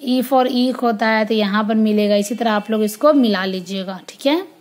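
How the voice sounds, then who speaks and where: A woman teaching a kindergarten class online, with a fairly high voice. She drills letters and words slowly and in a sing-song way, as a teacher speaking to small children does. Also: a little mellow.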